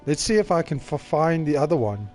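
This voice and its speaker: A man's voice: fairly high pitch, sing-song, fairly quick, a little mellow, soft background music. A man streaming a video game, chatting casually and thinking aloud with self-mocking remarks.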